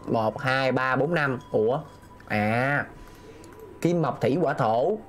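A man's voice: mid-range voice, takes it slowly. A man, commentating a game live. He mutters his way through puzzles, repeating phrases over and over and answering chat between clues. A faint hiss sits under the voice. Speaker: game streamer.

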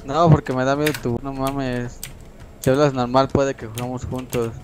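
A man's voice: mid-range voice, little pitch movement, moderate pace. A man from Mexico City with a local accent, talking bluntly and profanely in casual game voice chat. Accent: Mexico City Spanish. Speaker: online game player. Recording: loud background noise with keyboard clicks.

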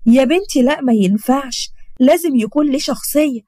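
Storybook mom, opinionated and talkative, Egyptian, played by a woman narrator, lifted pitch. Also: brisk, mellow, dry recording, studio quality. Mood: disapproving. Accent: Egyptian Arabic. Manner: chatty, disapproving. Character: worried, opinionated middle-aged mother talking to her daughter.

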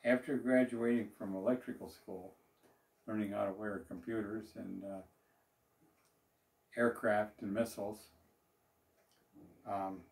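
Talking about his business straight to the camera, this older owner rambles in a plain way from his small office, full of fillers and false starts. He speaks unhurriedly in a lowish, gravelly, somewhat dark voice with fairly even intonation and long pauses. The far-off camera microphone leaves him sounding distant amid a roomy echo.

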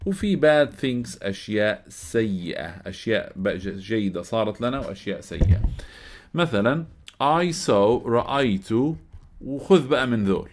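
Low-voiced man teaching English. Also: animated. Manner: explains slowly, spells words letter by letter, repeats English phrases. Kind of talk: workbook lesson explanation.

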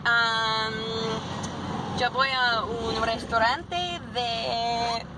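This young woman, a native English speaker, has a slightly high voice with little pitch movement, and heavy background noise surrounds her. Speaking slow, halting learner Spanish peppered with fillers, she vlogs casually from a car, restaurant, parking lot and grocery stores, camera held at arm's length.

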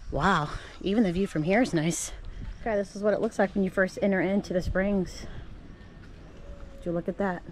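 A middle-aged vlogger holds her camera at arm's length and narrates casually to viewers on park trails near a spring. She speaks at normal speed in a medium-pitched voice, pausing often, with slight background noise.

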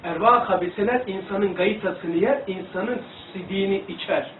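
A man giving an informal religious lesson, rambling and animated as he demonstrates things to his listeners. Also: high voice, normal speed, slight background noise. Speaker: religious teacher. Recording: echoey room, distant phone-like mic.

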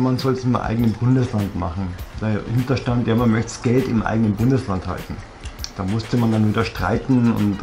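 A vlogger in his forties from southern Germany, speaking with a Bavarian accent, recounts a personal story bluntly and thoughtfully, rambling and filling pauses constantly. His mid-range voice is gravelly. A fixed camera films him up close as he sits on a leather sofa in his living room.

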